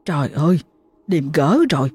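A woman's voice: low voice, moderate pace, darkish tone, slightly rough. Woman doing a muttering frightened neighbor. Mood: fearful. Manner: trembling mutter.

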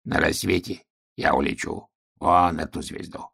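A man voicing a dying, gentle old male raven in a hoarse, wheezing storybook voice. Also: sits low, steady tone, unhurried, heavily acted. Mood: weak.

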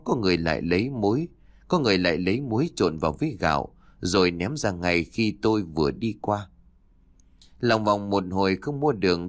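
A man narrating a first-person spooky story in a measured, expressive way. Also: low voice, dry recording, clean studio sound.

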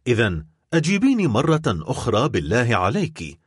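A man's voice: medium pitch, huge pitch swings, a little fast, breathy edge, dry recording, clean studio sound. A man voicing an anguished, lovesick young man in an audiobook, speaking in a pleading, distressed way. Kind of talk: audiobook character voice.

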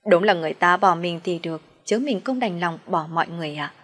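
A woman telling a dramatic story in the first person, with a bitter, indignant edge. Her voice sits low and comes out husky. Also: animated, fast talker.

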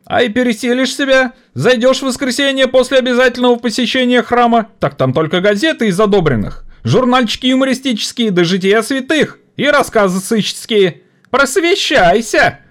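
A man's voice: extremely high pitch, animated, fairly quick, a bit bright, pitched above the performer's own voice. A man voicing a scrawny, cocky teenage boy with a treble voice complaining in an audiobook. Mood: cocky complaint. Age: teens.

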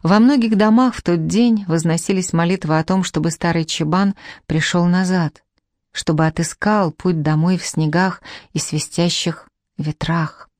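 A woman narrating an audiobook in a measured, even reading. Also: fairly low pitch, no room sound, studio quality.

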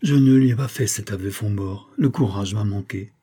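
A man's voice: on the low side, moderate pace, warm tone, slightly rough. A man reading the lines of a proud, melancholy young noblewoman in an earnest, reproachful way.

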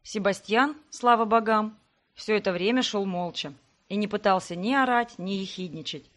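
A woman narrating a first-person novel in a measured, even reading. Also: medium pitch. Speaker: audiobook reader.

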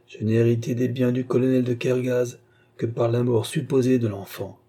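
A man's voice: mid-range voice, level tone, normal speed, dark tone, husky, close to an everyday voice. A man reading aloud, voicing a dying old man who confesses his crimes in a faint, broken, pleading voice. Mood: confessing.

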